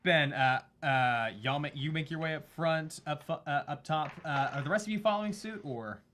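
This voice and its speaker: A man's voice: on the high side, moderate pace, fairly bright tone, a little hiss or hum. A man narrating as game master in a casual, rambling way.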